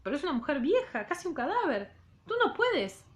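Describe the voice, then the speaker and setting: Soft young woman Aura, read by a woman teacher. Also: high-pitched, big pitch swings, a little fast, pitched above the performer's own voice. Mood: pleading. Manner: read aloud softly from a novel.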